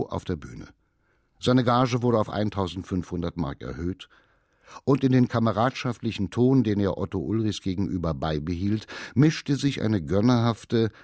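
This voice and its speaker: A man reading a novel aloud for radio in a measured, deliberate way. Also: on the low side, a little mellow, no echo, clean studio sound. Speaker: narrator.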